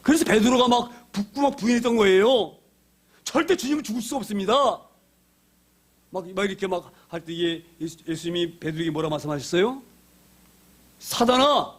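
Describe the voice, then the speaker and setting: A male pastor delivering a sermon with a high-pitched voice. He preaches in an animated way, dropping to quiet asides and then rising to sudden loud outbursts as he dramatizes the scenes he retells. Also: brisk.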